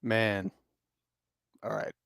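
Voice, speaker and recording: Excitable man on a dry call mic. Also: lowish voice, drawn-out words, creaky, clear, resonant tone, no room sound. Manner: excitable, bursts into loud exclaimed asides. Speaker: podcast co-host. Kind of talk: casual chat over an online call. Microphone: remote call mic, cutting out.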